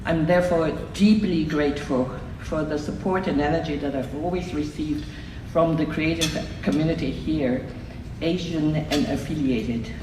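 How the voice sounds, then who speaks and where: An older Hong Kong woman with a low voice reads out a prepared award acceptance speech, her tone measured and reflective. She was recorded from a distance in a reception hall, so the sound is echoey and the room noisy.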